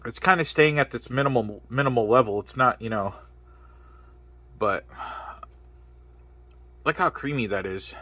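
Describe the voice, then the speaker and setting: Man reviewing food on camera, bright tense tone, dry close sound, gasping at spicy bites. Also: mid-range voice, measured pace, pauses often, no room sound. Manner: exclaiming between bites, hiccuping from spice. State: mouth burning from spicy food. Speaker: product reviewer. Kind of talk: casual food review vlog.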